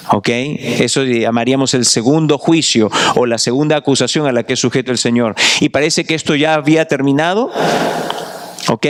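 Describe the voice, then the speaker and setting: A man's voice: mid-range voice, smooth. A man, a pastor, preaching a sermon in a storytelling manner, often checking in with his listeners.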